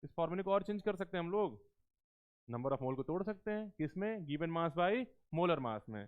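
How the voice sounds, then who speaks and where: A man teaching chemistry in a live class, coaxing students with questions and slowing down to dictate terms word by word. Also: fairly high pitch, animated, clean tone. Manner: coaxing, keeps asking students questions and calls them beta. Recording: tinny phone-like lecture recording.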